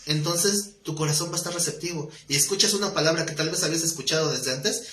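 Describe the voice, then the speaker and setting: A man teaches a Bible study class, telling anecdotes and acting out the dialogue. His voice is bright and somewhat high, and it carries an echoey room sound. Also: quick pace. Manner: conversational, tells stories with acted dialogue, asks the class questions.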